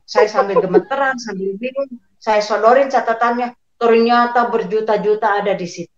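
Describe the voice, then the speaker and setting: A woman giving a personal testimony as a guest, telling her story in an animated way and acting out the voices of people she quotes. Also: a little high, moderate pace. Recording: roomy, dull lo-fi sound.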